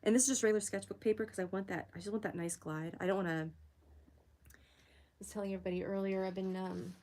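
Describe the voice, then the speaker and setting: A young woman hosting a casual art livestream, chatting with viewers as she works, giggling often and jumping up high to greet people. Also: fairly even intonation, fast, warm tone, a little hiss or hum. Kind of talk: casual livestream chat while drawing.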